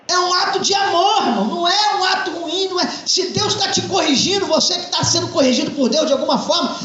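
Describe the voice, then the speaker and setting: A man preaching a fervent sermon as pastor, emphatic and at times shouting. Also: extremely high pitch, heavy reverb, highs cut off.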